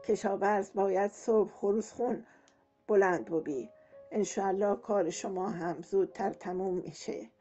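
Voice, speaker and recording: A woman doing a nagging old granny, a touch higher and louder, dull lo-fi sound with faint music behind. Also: close to an everyday voice. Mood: grumbling. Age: older. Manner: complaining, nagging, talkative. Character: chatty gossiping old village woman.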